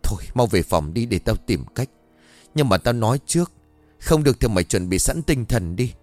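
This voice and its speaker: A man's voice: lowish voice, lively intonation, moderate pace, a little mellow, no echo, faint music behind, lightly acted. A man voicing a stern middle-aged mother who scolds her daughter bluntly and sharply.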